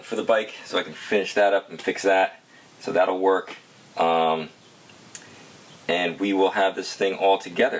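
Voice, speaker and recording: Captured on an action camera mic with rough sound, a deep-voiced BMX shop founder builds a bike. He gives a casual running commentary as he tinkers, rambling and muttering to himself.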